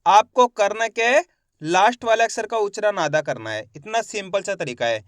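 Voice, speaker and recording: A young man gives a patient reading lesson, stretching each syllable and asking the viewer questions as he goes. His voice is smooth and clear. It sits close to the mic with no room sound. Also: sits high, expressive, moderate pace, dry recording. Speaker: Hindi reading teacher. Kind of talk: step-by-step lesson for learners.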